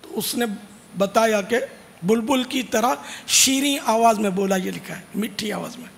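A man's voice: sits high, creaky, in a large hall. A man preaching an informal sermon to devotional singers, urging them earnestly and dropping casual asides. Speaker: religious preacher.

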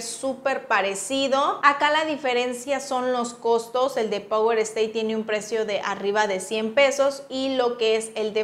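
This channel host's voice is fairly high and fairly bright. She's a beauty vlogger with a Mexican accent chatting casually through a makeup review, informal and loaded with endearing diminutives.

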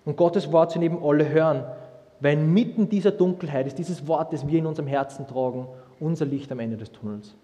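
Young guy preaching, funny and lively, lots of restarts, echoey church hall. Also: a little high, a little fast. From Austria. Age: young adult. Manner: lively, humorous storytelling with many restarts. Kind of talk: sermon. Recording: long hall reverb.

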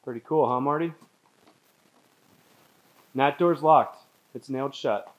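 Touring a big, empty old mill, a woman who owns a distillery keeps things upbeat and chatty, often addressing others by name. She has a bass voice and a measured pace, and the audio quality is poor.

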